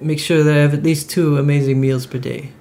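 A man co-hosting a podcast in casual chat, giving quick opinions and stammering as he starts sentences. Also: on the high side, flat delivery, warm tone. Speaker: podcast co-host.

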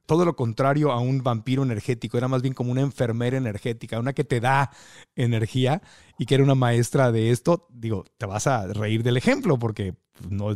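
A man hosting a podcast conversation, telling lively anecdotes and imitating people he quotes. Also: medium pitch, no room sound, clean studio sound. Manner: lively storyteller, mimics voices in anecdotes. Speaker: podcast host.

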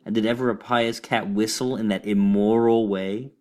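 A man reading a short fable aloud in a measured, deliberate storytelling manner. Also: fairly low pitch, fairly even intonation, darkish tone. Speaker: reader. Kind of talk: storybook narration.

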